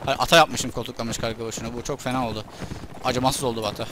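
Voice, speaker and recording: A young man giving live commentary on his own gameplay, excitable, shouting at his troops and enemies and muttering when things go badly. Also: mid-range voice, racing, noisy background.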